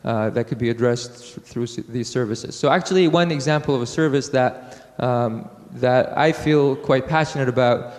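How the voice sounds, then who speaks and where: Man giving a halting talk in a hall. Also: mid-range voice, darkish tone. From Iraq. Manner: halting, many fillers and restarts. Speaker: conference speaker. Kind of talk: technical conference talk. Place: conference hall. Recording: hall with long reverb.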